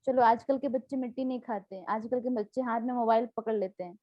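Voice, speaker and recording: A woman's voice: fairly high pitch, fast talker, no echo, highs cut off. A woman spiritual teacher giving a devotional class, explaining with homely examples and asking her listeners questions.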